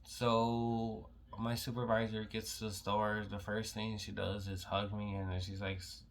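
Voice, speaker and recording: Low, flat-voiced young man, emotional. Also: a little hiss or hum. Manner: halting, heavy use of "like" fillers, emotional. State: holding back tears. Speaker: vlogger telling a personal story. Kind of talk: casual storytelling to camera.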